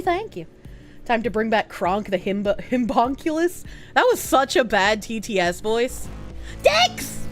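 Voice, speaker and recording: A woman live streamer chatting casually, with playful swearing and the gushing, exclamatory manner of an excited anime fan. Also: a little high.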